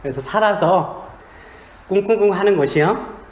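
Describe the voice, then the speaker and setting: A man's voice: high voice, normal speed, a little hiss or hum. A man, a pastor, preaching a sermon in a small church, with humor and questions put to the congregation. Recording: echoey church sanctuary.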